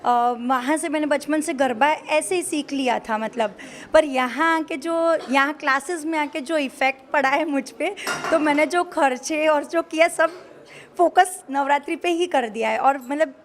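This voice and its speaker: A woman from Rajasthan answering interview questions hesitantly, with many pauses and restarts. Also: sits high.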